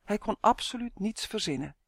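A woman narrating a children's story in an expressive storytelling rhythm. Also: mid-range voice, moderate pace, no echo, studio quality. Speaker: audiobook narrator.

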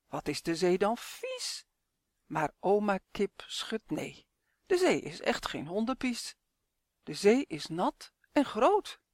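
A woman's voice: medium pitch, slow pace. Woman reading a rhyming children's story. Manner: lively sing-song rhyming read. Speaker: author and reader. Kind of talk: storybook narration.

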